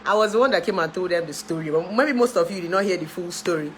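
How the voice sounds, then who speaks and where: A woman's voice: lowish voice, fast talker, a little hiss or hum, poor audio. Chatty Nigerian woman in her thirties. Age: 30s. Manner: chatty, laughs often, dips into pidgin. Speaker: relationship therapist. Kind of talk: casual chat to camera.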